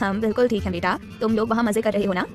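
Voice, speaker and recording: A woman's voice: medium pitch, fairly even intonation, fast talker, faint music behind, pitched below the performer's own voice, lightly acted. A woman voicing an affectionate older grandmother in an audio story, speaking in a fond, amused way. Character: older grandmother, warm and teasing.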